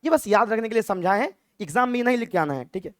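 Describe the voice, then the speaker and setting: A man's voice: sits high, expressive, quick pace, no room sound. Guy teaching physics at the board, jokey, hams up little dialogue bits, dry close sound. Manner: playful, acts out dialogue lines in a mock-dramatic voice. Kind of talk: lively classroom lecture. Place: classroom with a board.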